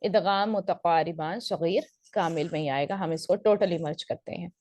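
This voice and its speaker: A woman's voice: fairly low pitch, normal speed, a little mellow, no room sound, clean studio sound. A woman teaching Quran recitation rules in a recorded lesson, explaining step by step and putting questions to her students before answering them.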